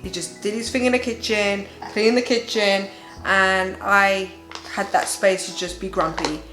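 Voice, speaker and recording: A woman's voice: medium pitch, steady tone, a little slow, a bit bright, soft background music, rough recording. A young woman, an exhausted mother, chatting candidly and emphatically to her viewers about her feelings, checking in with them as she goes. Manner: exhausted, weary parent venting candidly. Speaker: parenting vlogger and host, mother of a baby. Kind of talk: casual confessional chat to viewers.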